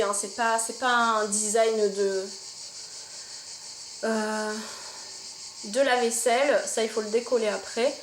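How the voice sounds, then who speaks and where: Chatty woman in a roomy room. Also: a little high. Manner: chatty and gushing, full of fillers. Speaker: vlogger showing her shopping haul. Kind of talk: casual haul vlog. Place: room at home with windows open. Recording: roomy home room, faint insect noise. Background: insects outside.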